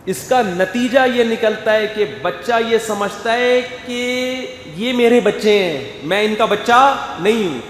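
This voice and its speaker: A man delivers an animated sermon and acts out family scenes. His voice sits fairly high for a man. It rings through an echoey hall with a long reverb tail. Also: few pauses, a little hiss or hum. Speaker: preacher. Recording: echoey hall, faint ambience.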